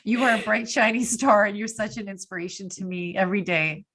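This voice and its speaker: A woman's voice: medium pitch, fairly quick, fairly bright tone. A middle-aged woman guest in a casual interview, talking in an effusive, upbeat way with lots of fillers. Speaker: podcast guest.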